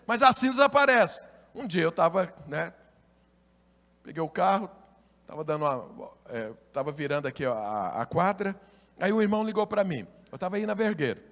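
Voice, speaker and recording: A man with a Brazilian Portuguese accent, a pastor telling a story in a sermon, moving between loud and hushed delivery. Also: fairly high pitch. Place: church meeting hall. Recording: long reverb of a hall.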